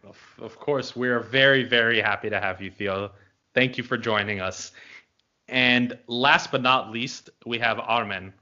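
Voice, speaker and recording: A man from Los Angeles hosting a casual podcast, talking in a relaxed way with lots of fillers. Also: mid-range voice, unhurried, lo-fi sound. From Los Angeles, United States. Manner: relaxed, filler-heavy, friendly. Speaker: podcast host.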